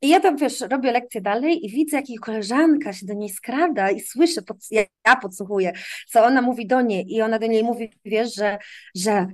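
A woman's voice: a little high, brisk. A woman who teaches English to children, telling classroom anecdotes in a casual interview, acting out the exchanges and often ending with a tag question. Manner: animated anecdotes, acts out quoted exchanges, frequent tag questions.

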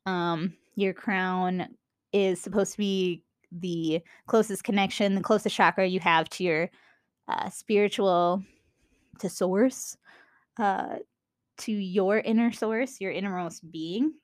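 A woman's voice: mid-range voice, steady tone, takes it slowly. A young woman with a Minnesotan accent giving a casual, rambling spiritual talk as a podcast host, full of fillers and self-corrections.

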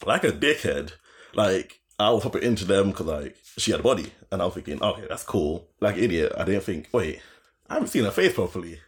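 A young man with a London roadman accent and a notably low voice. His pitch moves around a lot as he spins a casual, slangy anecdote, often repeating phrases to drive them home. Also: expressive, fairly quick. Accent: London, urban roadman.

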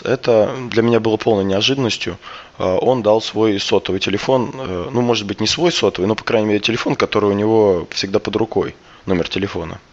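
A man hosting a podcast in casual talk, his voice gravelly and hoarse from a cold, feeling for his words. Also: on the low side. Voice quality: gravelly, hoarse voice with throat clearing. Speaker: podcast host. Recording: dull, lo-fi sound.

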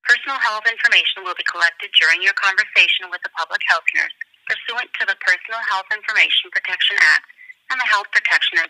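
A woman reading scripted phone menu announcements in a formal, measured way, heard over a telephone line. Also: lowish voice, bright, forceful tone, no echo. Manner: formal, measured recorded-prompt delivery. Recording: telephone line played back aloud.

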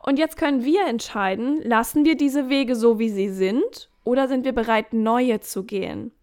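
Woman on a podcast, chatty and animated, bit higher voice, plays out little inner voices. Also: normal speed. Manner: animated, acts out inner voices, jokey asides. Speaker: podcast guest. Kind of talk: casual podcast conversation, coaching advice.

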